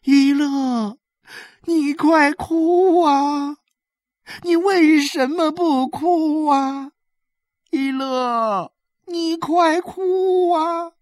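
A woman voicing a desperate village woman who begs and weeps, with drawn-out wailing pleas. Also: high voice, a little mellow, dry recording, studio quality, pitched above the performer's own voice. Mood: tearful pleading.

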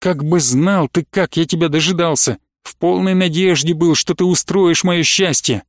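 A male narrator voicing an impulsive young man in love, excited and pleading. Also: a little high, moderate pace, dry recording, clean studio sound, close to an everyday voice.

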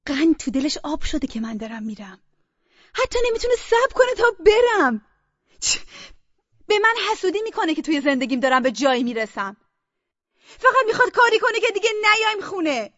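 An actress playing a sharp-tongued, quarrelsome young woman arguing with her sister. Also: high-pitched, very animated, no echo, muffled recording. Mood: scornful. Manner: scornful, quarrelsome.

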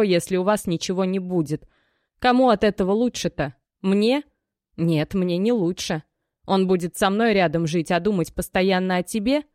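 A woman's voice: lowish voice, darkish tone, no echo, close to an everyday voice. A woman reading an audiobook and voicing a desperate young mother whose dry, cracked voice trembles as she pleads and reproaches. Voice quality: dry, cracked, tear-worn voice. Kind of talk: audiobook character voice.

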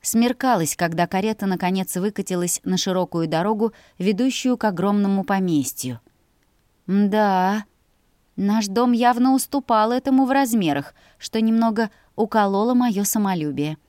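A woman's voice: medium pitch, normal speed, a little mellow, dry recording. Woman narrating an audiobook, dry sound. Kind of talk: scripted first-person narration.

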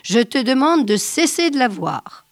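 Woman reading angry jealous husband, threatening, slow, dry close voice. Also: high-pitched, big pitch swings, no echo, pitched above the performer's own voice.

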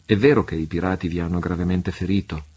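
A man voicing a sweet, gentle young noblewoman, his voice raised a little. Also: deep voice, steady tone, quick pace, slightly rough.

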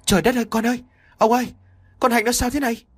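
A man's voice: on the high side, big pitch swings, fast, slightly rough, voice pushed up. A man voicing a frantic middle-aged mother in an audio story, wailing and scolding in a raised voice. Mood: panicked.

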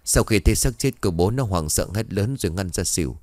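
A grave, official village police officer, voiced by a male storyteller. The voice is low and close, with a formal, matter-of-fact delivery. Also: expressive, fairly quick, darkish tone, no echo, natural voice.

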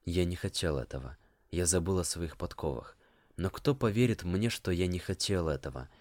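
Figure: a strong, gentle male cart horse read by a man. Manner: quiet, sorrowful, remorseful. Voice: deep. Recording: dry, close. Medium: audiobook. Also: expressive, brisk, no echo, lightly acted.

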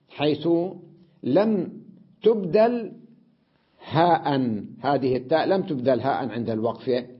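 A male teacher gives a grammar lesson in a steady, mid-pitched voice. He explains with patient repetition and slows to a drawn-out chant when he recites lines of verse. The recording sounds dull and lo-fi. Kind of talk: classroom lecture.

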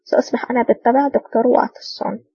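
A woman's voice: on the high side, steady tone, racing, vocal fry, breathy edge, no room sound, exaggerated voice. A woman reading the part of a playful, teasing young female lieutenant, in a dull, distant recording.

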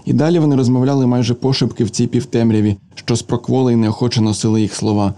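A man reading a literary story aloud as an audiobook, in steady, measured narration. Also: mid-range voice. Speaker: reader.

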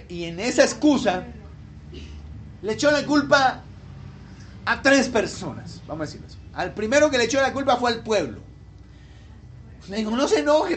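A man's voice: high voice, a bit bright, slight background noise. A male pastor preaching a sermon, asking the congregation questions and acting out the people in the story.

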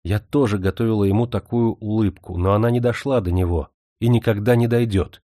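A young woman torn by jealousy and despair pleads with her younger sister in a low, warm voice, voiced by a male audiobook reader. Her lines come out anguished and urgent. The sound is dry and close. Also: steady tone, fairly quick, no room sound, lightly acted.

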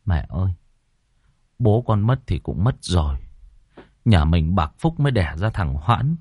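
A man's voice: deep voice, sing-song, a little slow, darkish tone, breathy edge, no echo, studio quality, exaggerated voice. A man voicing a worried adult son who pleads with and comforts his mother in a ghost story. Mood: pleading.

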